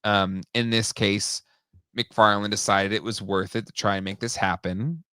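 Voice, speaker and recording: A man's voice: on the low side, fairly even intonation, a little slow, bright, forceful tone, clear, resonant tone, dry recording, studio quality. A man hosting a casual talk show, rambling with lots of fillers and restarts. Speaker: podcast host. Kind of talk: casual chat.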